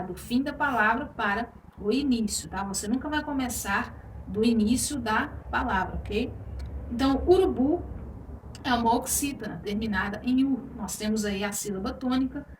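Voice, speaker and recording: Female grammar teacher, patient and explanatory; roomy recording with faint hiss. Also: fairly high pitch. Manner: explanatory, checks in with frequent "tá?" and "ok?". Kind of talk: online grammar lesson. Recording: echoey room, voice a bit far from mic, faint noise.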